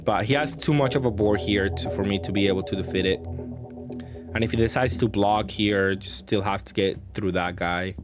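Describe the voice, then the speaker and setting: With music in the background, a man who hosts a card game channel talks casually through his play, thinking aloud and hesitating as he sorts out his options. He speaks in a lowish voice at a normal pace.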